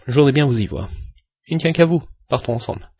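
A man reading an excitable English gentleman gambler in an audiobook, in an insistent, heated manner. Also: medium pitch, fast talker, slightly rough, pitched above the performer's own voice. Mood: challenging.

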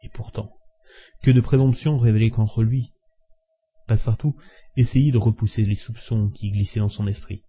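A man reading a classic novel aloud as audiobook narration, measured and expressive. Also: fairly low pitch, husky. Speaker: audiobook reader. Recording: dull lo-fi recording.

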